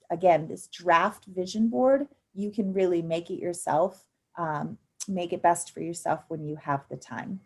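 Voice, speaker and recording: A woman's voice: on the low side, a little mellow. Upbeat woman in her thirties presenting. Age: 30s. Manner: upbeat, encouraging, many ums. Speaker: financial literacy presenter. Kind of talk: online workshop presentation.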